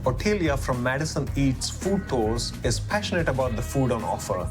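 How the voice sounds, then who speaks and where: A man's voice: mid-range voice, very animated, moderate pace. Man narrating a travel show over music.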